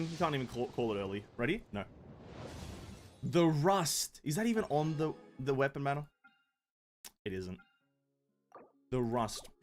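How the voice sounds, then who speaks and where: A young man casually commenting on his own game pulls, mostly dry and muttering, at times breaking into loud excitement. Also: medium pitch. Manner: deadpan and muttering, bursting into shouting excitement. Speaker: game streamer. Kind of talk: casual live-stream commentary.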